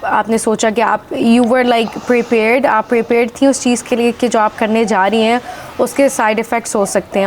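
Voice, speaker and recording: Slightly high-voiced woman interviewer. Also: slight background noise. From Pakistan. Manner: mixes English words into her questions, lots of short acknowledgements. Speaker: interviewer host. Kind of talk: interview questions.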